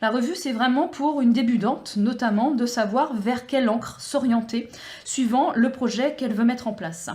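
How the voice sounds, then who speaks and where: A woman's voice: fairly high pitch, normal speed, a little mellow. Chatty woman demonstrating crafts. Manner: chatty, with many fillers and restarts. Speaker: craft tutorial host. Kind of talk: explaining a scrapbooking product review.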